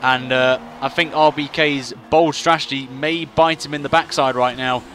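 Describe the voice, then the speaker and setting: A man's voice: mid-range voice, steady tone, moderate pace, fairly bright tone, slight background noise. A man giving live motorsport commentary, thinking aloud about strategy and posing questions as the race runs.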